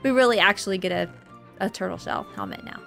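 A woman hosting a family-friendly gaming video, chatting casually, excitable and gushing with frequent laughter. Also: medium pitch, fast, gravelly, soft background music. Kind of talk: casual gameplay chat.

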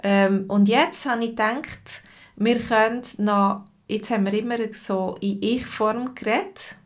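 Swiss woman teacher, mid-pitch, talks very slowly and patiently, webcam at home. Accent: Swiss German. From Switzerland. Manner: slow, patient, repeats phrases and answers chat viewers by name. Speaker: language teacher. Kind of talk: live-stream language lesson.

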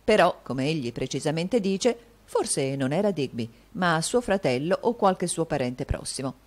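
A woman's voice: low voice, expressive, moderate pace. Woman voicing a sly gossiping male actor. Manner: insinuating, confiding tone.

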